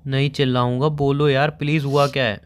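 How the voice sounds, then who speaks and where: A man's voice: mid-range voice, level tone, fairly quick. A young man on a staged phone call as a boyfriend, pressing again and again with insistent, scolding questions.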